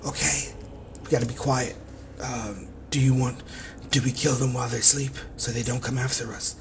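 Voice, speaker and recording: A man voicing a cautious but ruthless male adventurer companion in a quiet, hushed tone. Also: medium pitch, fairly even intonation, moderate pace, noisy background, natural voice.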